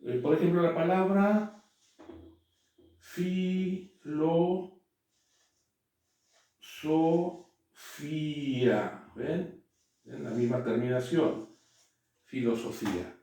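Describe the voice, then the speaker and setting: A man giving a classroom lecture, halting, with frequent "eh" and checks that students follow. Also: mid-range voice, expressive, mellow. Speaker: teacher. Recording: echoey room, voice from far off.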